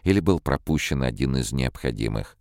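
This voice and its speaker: A man voicing a sharp, mocking woman robot psychologist in an audiobook, his deep voice pushed higher. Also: expressive, fairly quick, vocal fry, no room sound, studio quality, heavily acted. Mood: scornful. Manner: mocking, cutting.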